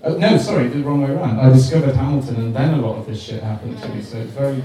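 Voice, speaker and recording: A man's voice: medium pitch, very fast, warm tone. A man on a book club panel, talking frankly and casually, swearing now and then and poking fun at himself. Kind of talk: casual discussion. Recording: echoey room, mic far off, faint noise.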